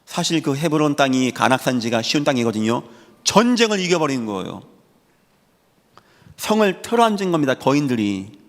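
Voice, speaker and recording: A male pastor delivering a sermon, preaching emphatically and swinging between loud high bursts and quiet low lines. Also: very animated, moderate pace. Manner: emphatic preaching with sudden rises and drops in pitch and volume. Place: church sanctuary. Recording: long hall reverb in a church sanctuary.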